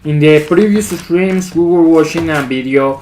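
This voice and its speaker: A man's voice: a little high, normal speed, a little mellow, a little hiss or hum, rough recording. A man hosting a livestream in casual chat, talking like a hyped-up gym bro and repeating his phrases. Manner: hype gym-bro talk, repeats phrases, often says bro. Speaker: livestream host.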